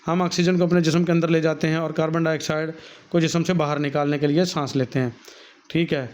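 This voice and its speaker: A male teacher with a Pakistani Urdu accent reads a passage from a textbook, then warmly explains each point to his students in his own words, calling them "beta." His voice is a little high, with little pitch movement and a quick pace, and the recording is dull and lo-fi.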